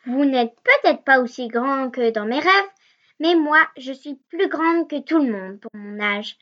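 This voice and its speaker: Woman doing a high, childlike little girl. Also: animated. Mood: blunt. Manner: childlike, blunt and slow. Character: tall ten-year-old girl, blunt and dreamy. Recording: dull lo-fi recording.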